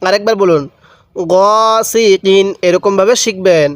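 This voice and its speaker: A man teaching Quran reading, spelling each letter slowly with a Bangladeshi Bengali accent, stretching vowels in long drawn-out readings, and asking questions that he answers himself. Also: sits high, steady tone, no echo, clean studio sound. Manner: asks the viewer questions and answers them himself. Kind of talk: step-by-step spelling lesson.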